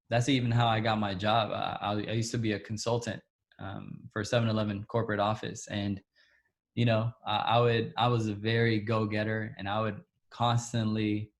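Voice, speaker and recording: Interviewed about his personal experience, an Ethiopian man speaks in a lowish, flat voice. His telling is halting, with many restarts and quiet asides that fade out.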